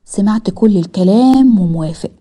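Woman doing a low hushed egyptian bad guy, husky, dark, threatening. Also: animated, moderate pace. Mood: menacing hush. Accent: Egyptian Arabic. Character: menacing young man, cold scheming villain.

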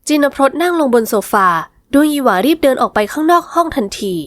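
A woman narrating a romance novel in smooth, scripted storytelling. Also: high-pitched, animated, fairly quick, dry recording, clean studio sound. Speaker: audiobook narrator.

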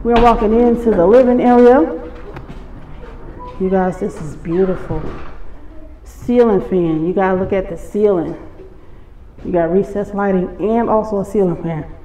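A woman's voice: mid-range voice, normal speed, pauses often, mellow, highs cut off. A woman, short of breath as she gives viewers a casual, admiring walk-through on a handheld phone. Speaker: vlogger touring a show home. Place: walking through an empty or staged house and its yard. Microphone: handheld phone held by the person filming. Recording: echoey rooms, light background noise.

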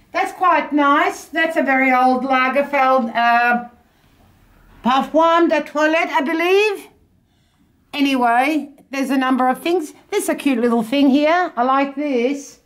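An Australian woman with a high voice presents for an auction house, giving a chatty, enthusiastic walk-through of auction items. She moves through the auction house's small indoor rooms, which sound echoey.

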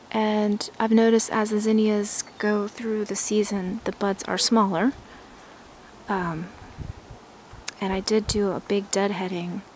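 A woman giving a casual walking tour of her backyard garden, relaxed and admiring, thinking aloud with some fillers. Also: mid-range voice, slight background noise.

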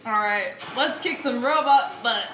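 With an unhurried, fairly high voice, a let's play gamer talks casually while playing a video game. The room sounds spacious, and game music plays in the background.

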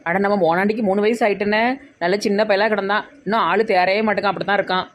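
A woman with a Tirunelveli Tamil accent acting in a comedy skit, chattering gossipy and quick. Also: mid-range voice, steady tone, slight background noise. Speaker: comedy sketch actor.

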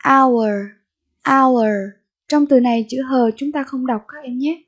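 A woman's voice: high voice, steady tone, brisk, warm tone, husky, dull audio. A Vietnamese-accented woman teacher in a recorded English vocabulary lesson, repeating each word and giving its meaning and stress.

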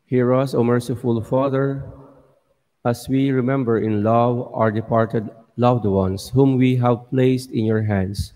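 A priest leads the prayers in a calm, formal cadence. His mellow voice carries through a large church, and a long cathedral echo trails each phrase. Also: mid-range voice. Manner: measured, formal recitation. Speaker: priest presiding at Mass. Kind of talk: liturgical prayer and announcements. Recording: long church hall reverb.

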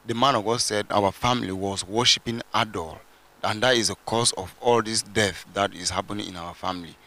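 Young man from Cameroon, lowish voice, bright edge, earnest testimony, handheld mic. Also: brisk. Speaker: church testimony giver. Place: large church stage indoors.

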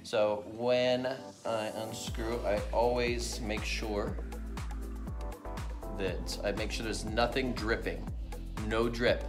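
Over music, a man in his thirties who is a pastor slowly shows children how to do something in a playful demonstration, going step by step at a home dining table and repeating each instruction. He speaks in a lowish, level tone, captured by a camera resting on the table.

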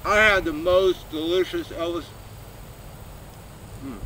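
Middle-aged man chewing while talking, bright voice. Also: high voice. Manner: rambling, halting, with trailing pauses. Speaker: vlogger. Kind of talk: casual mukbang chat addressed to one person. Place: outdoors in a shady grassy backyard. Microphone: camera a few metres away. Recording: outdoor background noise, insects, distant vehicles.

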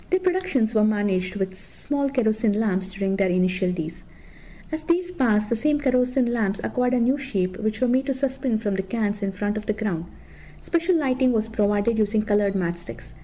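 A woman in her thirties with a Kannada accent reads a scripted, informative lecture in a formal, measured manner. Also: mid-range voice, animated, mellow, a little hiss or hum. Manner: formal, measured reading from notes. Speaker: presenter.

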